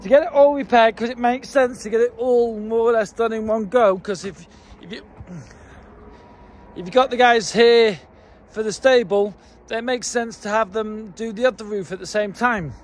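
Speaking at a normal pace in a very high-pitched voice, a farm owner in his forties records a casual walk-and-talk vlog on a phone held out at arm's length. He roams a mountain farm, mostly outdoors but partly in a wooden kitchen, rambling with fillers and restarts over slight background noise.

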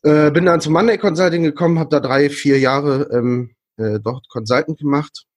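A man's voice: fairly high pitch, normal speed. Young man guest from Berlin, hesitant, lots of "ähm" and restarts, casual interview tone. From Berlin, Germany. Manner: hesitant, many fillers and restarts. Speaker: interview guest, freelance frontend developer.

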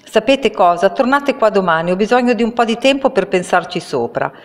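A woman's voice: mid-range voice, expressive, a little fast, voice pushed up, natural voice. A woman voicing a little bald old man posing as a great wizard, stammering and pleading. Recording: reverberant room.

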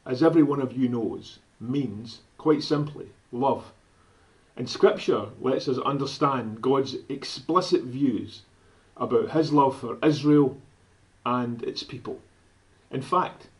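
Slow, deliberate Scottish man. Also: medium pitch, rough recording. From Scotland. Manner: slow, deliberate, quotes scripture. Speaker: director of an advocacy group. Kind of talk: earnest direct-to-camera appeal.

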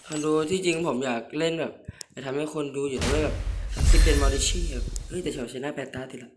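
Excitable young-sounding man narrating his gameplay. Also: on the high side, brisk, a little hiss or hum. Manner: excitable, swears casually, talks to viewers. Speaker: gaming channel host. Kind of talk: casual gameplay commentary. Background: game music.

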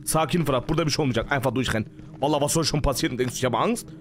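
A man's voice: medium pitch, very fast. A man giving panicky, jumpy let's play commentary on a horror game, full of sworn exclamations. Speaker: gaming streamer.

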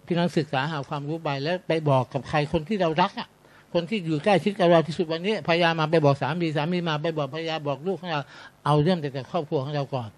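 A man preaching in a garage meeting room, telling a story with lively, animated delivery and speaking straight to his listeners. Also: a little high, fast talker. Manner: animated, addresses the audience as brothers and sisters. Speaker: Islamic preacher. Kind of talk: storytelling sermon.

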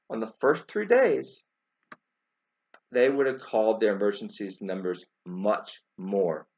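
A man in his forties gives informal commentary to camera, his medium-pitched, lively voice rising and falling a lot. He speaks haltingly, repeating words and doubling back, and fires off emphatic rhetorical questions. The audio is dull and lo-fi, like a webcam.

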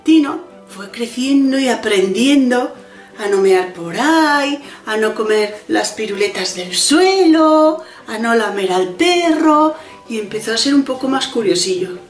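A woman's voice: on the high side, animated, unhurried. A woman from Spain telling a children's story in a playful way, with sing-song scolding refrains. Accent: Spanish from Spain. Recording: echoey room with soft music.

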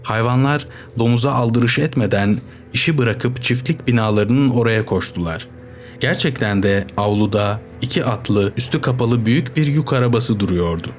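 A man reading a novel aloud as audiobook narrator, with steady, measured storytelling. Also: lowish voice. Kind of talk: scripted narration.

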